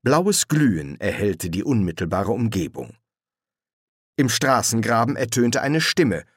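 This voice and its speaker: A man narrating an audiobook with measured, expressive storytelling. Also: on the low side, breathy edge, no room sound. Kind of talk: scripted narration. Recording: dry close studio recording.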